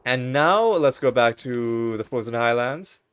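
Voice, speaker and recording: A man's voice: medium pitch, lively intonation, measured pace, fairly bright tone, clear, resonant tone, no room sound. A man hosting a let's play, talking through a game casually with wry, rambling asides and frequent self-corrections. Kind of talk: casual gameplay commentary.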